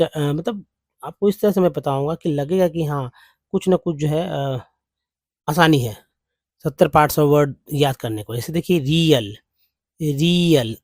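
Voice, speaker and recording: A man's voice: a little high, darkish tone, dry recording. A man teaching English reading in Hindi. He sounds out English words syllable by syllable with an Indian accent and talks to viewers as friends. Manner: reads English text word by word, slowly sounding out syllables; addresses viewers as friends, repeating and explaining patiently.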